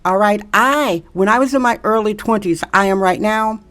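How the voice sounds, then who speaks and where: A woman's voice: medium pitch, normal speed, a bit bright. A middle-aged woman from Wisconsin giving an emphatic, preachy monologue to camera, repeating rhetorical questions to press her point. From Milwaukee, Wisconsin. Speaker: social media commentator.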